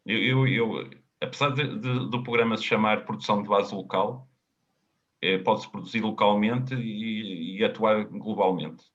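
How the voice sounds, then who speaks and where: A man with a European Portuguese accent, a consultant answering webinar questions in a halting, explanatory way, often repeating words. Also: fairly low pitch, a bit bright. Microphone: video call. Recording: dull lo-fi webinar audio.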